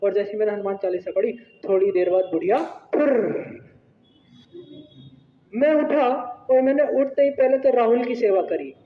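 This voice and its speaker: A male teacher telling a personal story to his class in an animated, conversational way. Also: high voice, normal speed. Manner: animated, conversational, asks "right?". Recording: echoey hall, tinny phone-like sound.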